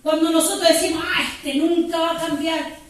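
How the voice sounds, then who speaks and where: High-voiced woman preaching in an echoey room. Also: fairly even intonation, normal speed, recorded from a distance. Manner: fervent, repeatedly addresses listeners as "hermano". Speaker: preacher giving testimony. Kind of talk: sermon testimony. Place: home house-church service.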